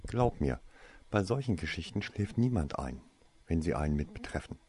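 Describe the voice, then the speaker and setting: A man's voice: deep voice, sing-song, normal speed, darkish tone. A man voicing a curious, insistent young witch girl in a fantasy storybook, talking in a pushy, scolding way.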